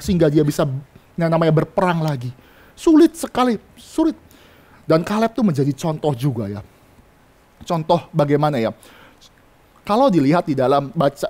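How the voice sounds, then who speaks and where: Man, sermon, high voice, animated, acts out quoted speech. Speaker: vicar preaching. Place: church.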